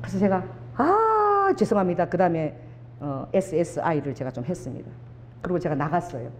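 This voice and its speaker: A woman preacher from Busan with a Busan accent, telling stories and praying in an earnest, animated sermon. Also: deep voice, quick pace, slight background noise. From Busan, South Korea. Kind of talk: sermon with storytelling and prayer.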